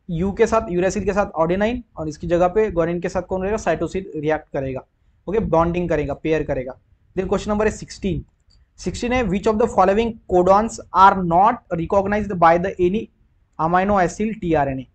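An Indian man teaching biology, working through exam questions and mixing Hindi with English, asking the listeners questions and answering them himself. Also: sits high.

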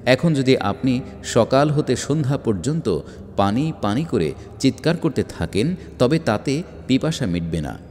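A man reading a religious book aloud in a measured, emphatic way, with rhetorical questions. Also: medium pitch, sing-song, darkish tone, a little hiss or hum. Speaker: audiobook reader. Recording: long hall reverb.

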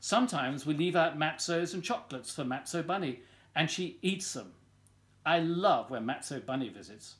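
Recorded at home in a living room, an older man in his sixties volunteers as a story reader, sharing a children's picture book aloud. He narrates with expression and deliberate care, his slightly high male voice moving up and down with lively energy.

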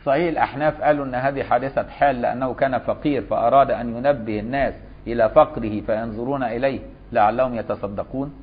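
Male Egyptian teacher, middle pitch, reads the text then explains it plainly and checks in with listeners; dull lo-fi lesson recording. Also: steady tone, quick pace, hardly any pauses. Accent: Egyptian Arabic. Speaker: Islamic scholar teaching a fiqh lesson.

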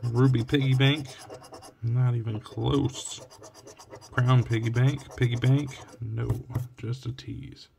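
Late at night at home, this scratch-ticket channel host, a young man from Oregon, scratches lottery tickets and calls out each symbol in a weary, cracking voice. He speaks slowly and flatly at a medium pitch, sounding creaky and a bit mellow, with slight background noise. Coin scratching and clicks come through the downward-facing phone or camera mic, and his accent is Oregon US English.

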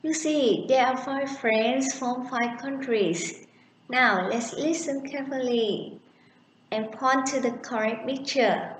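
A young woman teacher with a Vietnamese accent, drilling children slowly and clearly in an online English lesson on webcam. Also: sits high, reverberant, a little hiss or hum, low-quality recording. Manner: slow, clear, encouraging drilling.

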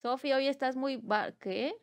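A woman's voice: high voice, a little slow. A Mexican woman streaming live, chatting casually and reading chat aloud with playful teasing and bursts of squealing laughter.

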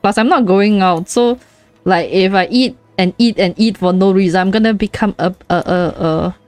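A woman's voice: mid-range voice, moderate pace, darkish tone, no echo, faint music behind. A young woman with a Chinese accent, a streamer chatting casually and playfully while she plays, giggling and repeating words in bursts. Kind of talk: casual gaming chat.

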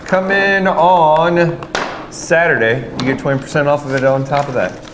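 A man's voice: medium pitch, quick pace. A man hosting a casual store show, chatting about gear with lots of fillers and upbeat asides. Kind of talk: casual product chat. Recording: noisy store recording.

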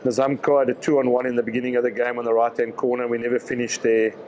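A man, answering reporters' questions at a post-match press conference in a measured way, often repeating words as he thinks. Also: medium pitch, flat delivery, a little mellow, a little hiss or hum, poor audio. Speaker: rugby director of rugby.

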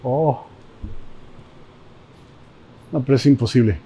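Male Mexican vlog host, mellow tone, hushed and wary narration, big derelict space. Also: medium pitch, slow, slight background noise. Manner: hushed, cautious commentary while walking. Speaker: host, explorer. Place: large abandoned building.

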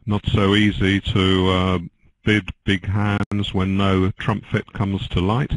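Deep-voiced older man commentating bridge. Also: flat delivery, no room sound, rough recording. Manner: dry, joking, halting with many fillers.

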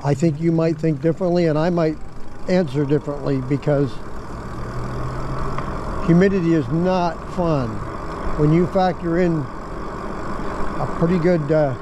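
A middle-aged man chatting casually in a vlog as he rides an e-bike down a residential street, musing and relaxed with plenty of fillers. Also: fairly high pitch, unhurried, pauses often. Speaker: e-bike vlogger. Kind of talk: casual vlog narration while riding. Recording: outdoor street traffic noise.

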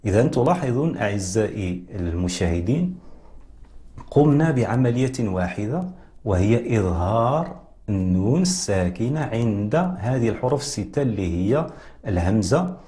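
Guy teaching tajweed on tv, lowish mellow voice, talks straight to the viewers. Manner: measured, explanatory, addresses viewers directly. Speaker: Quran recitation teacher, TV host. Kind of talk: televised tajweed lesson.

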